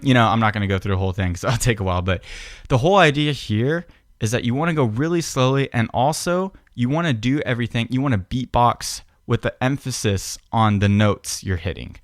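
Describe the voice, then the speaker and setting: A man's voice: medium pitch, fairly quick. A man giving a casual, patient step-by-step piano tutorial, often opening sentences with "so". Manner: relaxed, patient, starts many sentences with "so". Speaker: piano and beatbox teacher. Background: piano playing.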